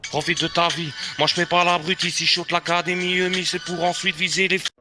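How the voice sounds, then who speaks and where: A man voicing a game character who raps freestyle in a gruff put-on voice, rhythmic and stumbling over rhymes. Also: high-pitched, flat delivery, a little fast, over music, lightly acted. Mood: rapping. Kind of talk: freestyle rapping.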